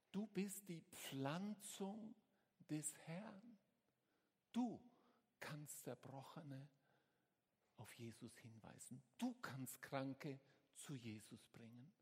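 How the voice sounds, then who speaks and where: Pastor guy preaching slow, husky voice, big echoey church hall. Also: a little high. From Switzerland. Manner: swings between hushed and shouted exhortation. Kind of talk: sermon.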